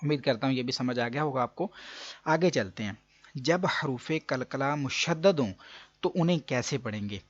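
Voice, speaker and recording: A man's voice: medium pitch, expressive, moderate pace, highs cut off. A man teaching an online recitation lesson, explaining patiently and repeating each rule step by step. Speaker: Quran reading teacher.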